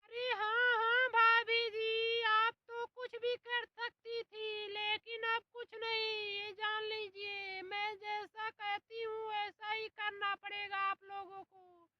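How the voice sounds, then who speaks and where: Brash young bride voiced by a woman, high, flat delivery, slow and cutting. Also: muffled recording, a little hiss or hum. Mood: defiant. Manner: brash, threatening, ends lines with "theek hai?". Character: sharp-tongued young daughter-in-law, defiant and boastful.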